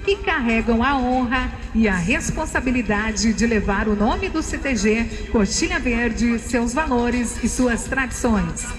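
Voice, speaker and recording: A woman reading a scripted ceremonial announcement at an outdoor parade, in a formal, measured way. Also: on the high side, long reverb tail, over music.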